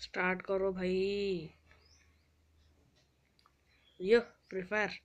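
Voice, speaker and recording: A woman's voice: medium pitch, flat delivery, a little slow, lo-fi sound. A woman giving casual, chatty commentary while playing a video game, whining and pleading in fun. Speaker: gamer.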